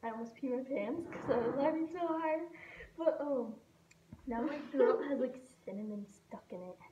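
A woman's voice: high voice, moderate pace, warm tone, muffled recording. A teenage girl chatting casually as she presents a challenge in a home kitchen, recorded on a phone camera. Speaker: challenge vlogger. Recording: echoey kitchen, noisy handheld camera audio.

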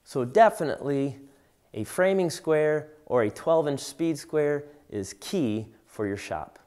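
A man's voice: a little high, lively intonation, unhurried, darkish tone. A man in his forties teaching woodworking, explaining tools plainly and steadily as he demonstrates them in his workshop. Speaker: woodworking instructor. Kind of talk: tool demonstration tutorial. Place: home woodworking shop, indoors.

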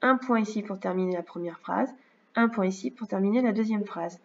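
A woman teacher giving a remote reading and maths lesson to young children, speaking slowly and clearly and often checking in with "d'accord?". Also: mid-range voice. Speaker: first-grade teacher. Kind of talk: remote lesson narration over slides. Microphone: computer mic. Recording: slightly dull lo-fi sound.

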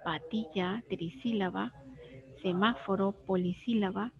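Woman teacher, slow and deliberate, precise diction for young kids, dull lo-fi sound. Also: mid-range voice, steady tone, darkish tone. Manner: clear, careful syllable-by-syllable pronunciation. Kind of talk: slow scripted reading lesson for children.

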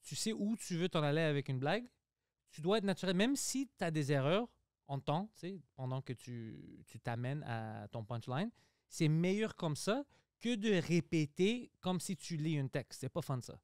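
Man, comedian guest, earnest, emphatic, slightly high voice, dry close sound. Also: lively intonation, moderate pace, a little mellow, clear, resonant tone, dry recording. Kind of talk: casual podcast chat.

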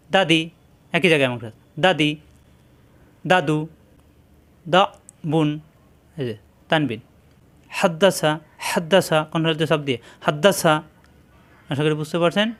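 Clear-voiced man drilling Arabic letters. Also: on the high side, fairly bright tone. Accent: Bangladeshi Bengali. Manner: patient drilling, repeating syllables for students to copy. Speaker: Quran reading teacher. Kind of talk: step-by-step pronunciation lesson.

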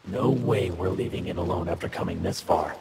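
Agitated, gravelly game companion. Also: male voice, low voice, a little fast, heavy background noise. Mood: agitated, impatient. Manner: agitated and impatient. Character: agitated, impatient male companion in a monster-hunting game. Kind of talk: video game character dialogue. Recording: loud game ambience behind voice.

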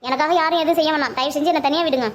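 A stubborn village mother in a cartoon, her voice squeaky and extremely high, as a woman voices her. She scolds in a fast, bitter torrent and will not be talked round. A faint hum of background noise sits behind her. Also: steady tone, lightly acted. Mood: defiant, angry. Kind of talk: animated family comedy-drama.

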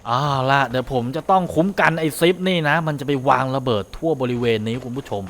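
A young man commentating a video game, talking to his viewers, often shouting and swearing. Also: mid-range voice, fast talker. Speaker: gaming streamer. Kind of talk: excited Let's Play commentary. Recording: game sounds and noise behind.

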